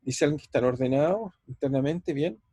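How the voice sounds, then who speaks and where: A man with a Chilean Spanish accent lectures over a computer mic, his voice a touch high, dark and gravelly, with a husky edge. He thinks aloud as he goes, repeats words and keeps asking the class questions. The sound is dry and close. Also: brisk, no room sound. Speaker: physics professor. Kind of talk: online university lecture.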